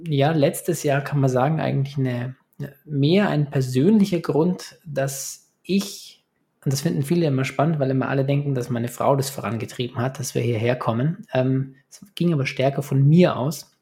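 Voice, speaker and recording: A man's voice: mid-range voice, moderate pace, dark tone. A man in his forties from Munich answering as a podcast guest in casual talk, hesitant and repeating words as he searches for phrasing. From Munich, Germany. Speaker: podcast guest, business consultant and coach.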